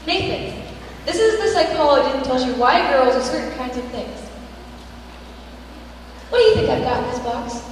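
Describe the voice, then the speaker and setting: A woman's voice: sits high, lively intonation, moderate pace, pauses often, slight background noise. A woman playing a fretful showgirl with a cold. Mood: coaxing. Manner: sneezing, whiny and exasperated. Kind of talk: stage musical acting and singing. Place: school auditorium stage. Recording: echoey hall recording from far off. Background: musical accompaniment.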